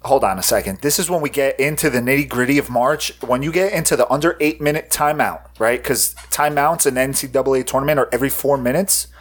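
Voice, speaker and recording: A man co-hosting a casual sports podcast, reacting with quick hyped comments about games and players. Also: medium pitch. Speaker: podcast co-host.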